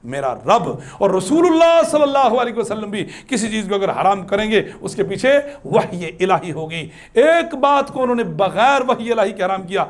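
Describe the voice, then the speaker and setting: A man teaching a religious class, lively and emphatic, chanting scripture slowly between explanations. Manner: animated, rises high for emphasis, chants Arabic verses slowly; ends in soft, low supplication. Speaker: Islamic teacher.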